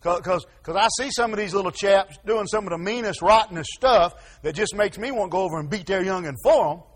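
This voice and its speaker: Preacher, man; high husky voice, folksy, stammers, loud and soft by turns. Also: brisk. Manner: folksy, stammering restarts, swings from soft asides to loud emphasis. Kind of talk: sermon.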